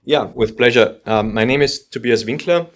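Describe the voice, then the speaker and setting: A man's voice: mid-range voice, moderate pace. A middle-aged man from Austria, a surgeon and guest on an interview podcast, speaking in a friendly way with frequent fillers.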